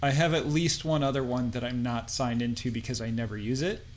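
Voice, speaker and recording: A man's voice: mid-range voice, steady tone, fairly quick, a little hiss or hum. A man co-hosting a podcast in casual comedic chat, wry and playfully teasing. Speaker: podcast co-host.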